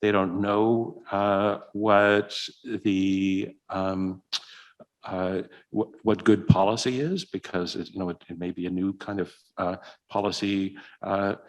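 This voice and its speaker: A man with a very deep voice gives a keynote talk at a conference and then answers audience questions. He pauses often, with plenty of "uh" and "you know" between his points. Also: steady tone. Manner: hesitant, many fillers and restarts. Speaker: keynote speaker. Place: conference hall.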